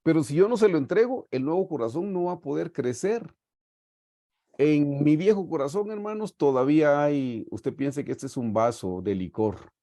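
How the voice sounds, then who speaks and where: Earnest preacher, mellow and dry. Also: male voice, a little high, animated, moderate pace, no room sound. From Guatemala. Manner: earnest, warm pastoral storytelling, often saying "hermanos". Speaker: Bible study teacher. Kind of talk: sermon-style Bible teaching. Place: home on a video call. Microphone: video call mic.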